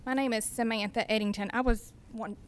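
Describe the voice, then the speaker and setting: Hoarse woman speaking at council meeting. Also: fairly high pitch, fairly even intonation, brisk. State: losing her voice. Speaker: foundation board member giving public comment. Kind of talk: public comment at council meeting.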